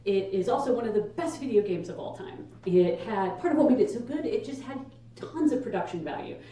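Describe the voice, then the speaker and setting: A woman's voice: fairly high pitch, expressive, brisk, mellow. A young adult woman performing a stand-up comedy set in a casual, conversational, emphatic way to an audience. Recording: echoey live room, distant microphone. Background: audience laughter.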